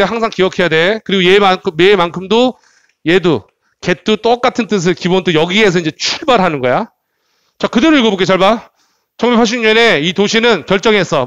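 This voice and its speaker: A man teaching English at the board, with a lively voice that jumps up and down and sits fairly high. He repeats key words and keeps firing questions at the class. The sound is close and dry, with almost no room echo. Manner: animated, repeats words and asks rhetorical questions. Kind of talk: classroom lecture.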